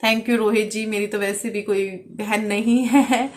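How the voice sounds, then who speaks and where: A woman's voice: medium pitch, little pitch movement. Frank Hindi-speaking woman vlogger. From India. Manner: frank, talks quickly at times. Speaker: vlogger answering viewer questions. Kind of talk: casual Q&A chat.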